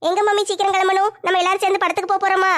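A woman's voice: extremely high pitch, flat delivery, very fast, fairly bright tone. A woman playing a stubborn young wife. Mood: pleading. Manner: pleading, whiny protests. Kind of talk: family comedy skit.

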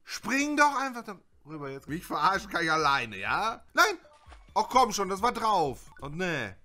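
A man commenting on a voice-controlled game, swinging from muttering to shouting and cursing at it. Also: sits high, sing-song, normal speed. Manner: shouts and swears at the game, jumps from mutters to yells. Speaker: gaming YouTuber. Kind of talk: let's play commentary.

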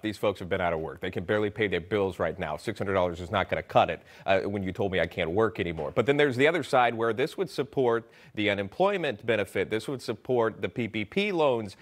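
A man hosting a cable news interview, running briskly through quotes before putting questions to his guest. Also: on the low side. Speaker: news host.

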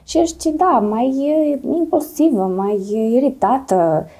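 A woman's voice: high voice, expressive, warm tone. A pregnant woman in her thirties with a Moldovan accent, a singer and presenter speaking candidly and animatedly as an interview guest, laughing often. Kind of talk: relaxed interview chat.

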